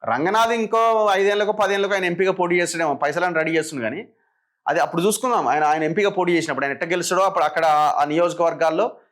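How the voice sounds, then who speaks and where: Fast, high-pitched sarcastic Telangana commentator. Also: male voice, fairly bright tone. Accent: Telangana Telugu. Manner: sarcastic, combative rhetorical questioning. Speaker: political commentator. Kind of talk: opinionated political commentary.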